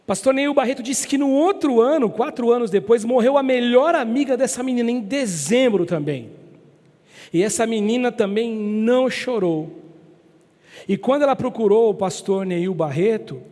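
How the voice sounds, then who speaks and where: A man preaching a sermon, with a fairly high voice. He tells stories slowly and drives points home by repeating words. The sound rings with the long reverb of a church hall. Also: a little mellow. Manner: storytelling preacher, slow emphatic repetitions. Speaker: pastor.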